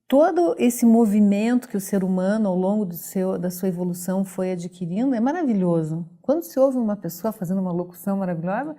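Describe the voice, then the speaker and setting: A woman's voice: mid-range voice, lively intonation, brisk, few pauses, mellow. A woman speaking as a voice therapist on a radio talk show, explaining patiently with everyday examples. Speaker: voice therapist guest.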